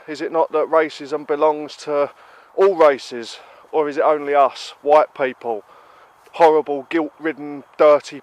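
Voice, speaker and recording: Congested from a cold, a British man vlogging in a higher-pitched voice delivers a heated, emphatic rant built on one rhetorical question after another.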